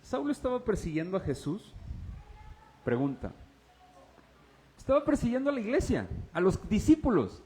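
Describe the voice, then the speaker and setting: Male pastor with a high voice, preaching a sermon that swings between hushed and fired-up, speaking directly to the congregation. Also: moderate pace, pauses often. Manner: swings between hushed low passages and raised, excited preaching; exclaims and addresses the congregation directly.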